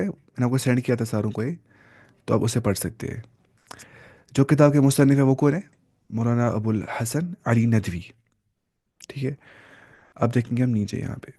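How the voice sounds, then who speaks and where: Husky and dark-toned, this man's mid-range voice shows vocal fry as he runs an online Arabic grammar lesson. He goes step by step, asks the class questions before answering them, mixes in English terms and sounds out Arabic words slowly.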